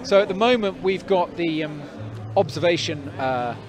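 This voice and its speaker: Over music and crowd noise at an outdoor climbing event, a man with a slightly high voice commentates live and conducts interviews at a moderate pace. He's chatty and rambling, full of fillers and restarts.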